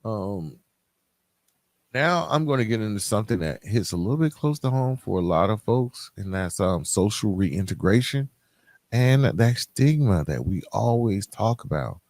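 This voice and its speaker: This man's voice is on the low side and a little mellow, animated at a normal speed, with no echo. Hosting a podcast, he speaks candidly and emphatically to his listeners in streetwise, colloquial terms, much like a motivational monologue.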